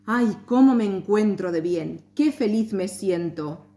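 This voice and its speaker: A woman's voice: medium pitch, lively intonation, unhurried, dark tone. A woman voicing a cheerful, unsuspecting father in a contented, musing tone.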